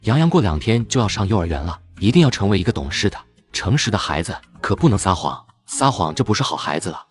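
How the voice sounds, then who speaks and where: A man playing a young uncle, a company boss, who teases a little boy in an animated drama. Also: sits low, fast, few pauses. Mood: teasing. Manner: playful teasing.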